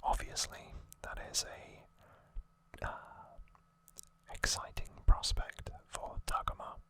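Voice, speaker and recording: In a relaxed ASMR recap, the host walks through the details informally and without rushing. Every word comes out as a quiet, unvoiced whisper.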